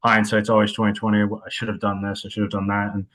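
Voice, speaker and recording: A low-voiced man in his thirties speaks as a guest on a podcast. He is reflective and halting, often pausing on filler sounds. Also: monotone, a bit bright. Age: 30s. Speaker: wide receivers coach. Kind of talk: podcast interview.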